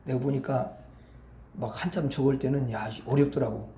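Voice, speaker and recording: A man's voice: medium pitch, fairly even intonation, moderate pace, mellow, echoey room, a little hiss or hum. A man pastor preaching at an evening prayer meeting, talking to the congregation in a colloquial, conversational way and often asking them rhetorical questions.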